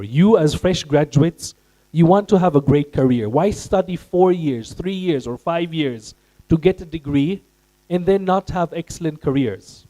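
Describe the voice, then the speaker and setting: A man from Austria gives an informational presentation to young students. His voice sits a little high and has a mellow tone. He talks to the crowd directly and puts questions to them. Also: low-quality recording. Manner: engaging, addresses the audience directly with questions. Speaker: presenter at a career event.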